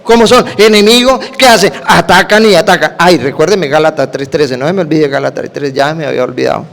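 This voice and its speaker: A man preaching an animated sermon, firing quick questions at his listeners. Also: fairly high pitch, gravelly. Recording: long hall reverb.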